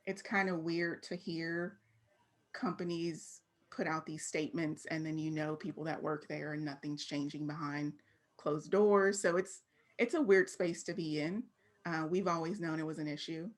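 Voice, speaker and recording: Laughing frequently, a Fort Worth, Texas woman with an American accent talks candidly and informally as a creative-professional guest in a relaxed interview. She has a deep voice, fairly even intonation, and a normal pace.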